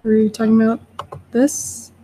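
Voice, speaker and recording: A young woman from California fields audience questions at a public talk. Her voice sits fairly high, and she answers in a friendly, apologetic way, pausing often on ums. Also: monotone, dark tone, slight background noise. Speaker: invasive species outreach speaker.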